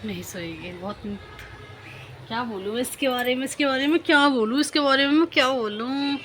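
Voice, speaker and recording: A woman's voice: normal speed, a bit bright, slight background noise, rough recording. A woman, chatting casually to viewers in a family vlog and cooing at her baby. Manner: chatty, talks to viewers and coos at her baby in a high sing-song. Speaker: family vlogger. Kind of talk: casual home vlog talk. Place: home kitchen and living room.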